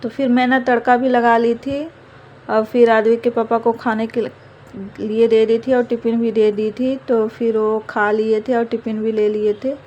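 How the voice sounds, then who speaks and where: A woman's voice: on the high side, level tone, normal speed, a little mellow, highs cut off. A young woman narrating her household chores in a chatty, rambling home vlog. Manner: chatty, rambling, fillers of "matlab". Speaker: vlogger, mother.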